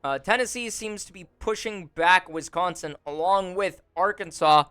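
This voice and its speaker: A young man giving relaxed, wry commentary on a strategy game simulation, with frequent fillers, recorded close on a desk mic at home. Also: sits high, moderate pace, clear, resonant tone, dry recording. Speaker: gaming YouTuber. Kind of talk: casual gameplay commentary. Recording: dry close voice over faint music. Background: faint background music.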